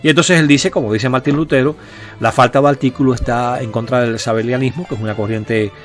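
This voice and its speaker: A man's voice: medium pitch, steady tone, brisk, soft background music. Man explaining grammar with patient asides. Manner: patient, explaining, with frequent "eh" and "¿verdad?" tags. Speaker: Bible grammar teacher. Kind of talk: explanatory lecture.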